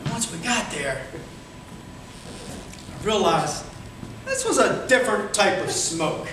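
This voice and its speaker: A man telling a folksy, comic tall tale to a live audience in a theatrical manner with dramatic pauses. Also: sits high, sing-song. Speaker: contestant in a tall tales speech contest. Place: indoor room with a live audience. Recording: echoey, noisy room, distant mic.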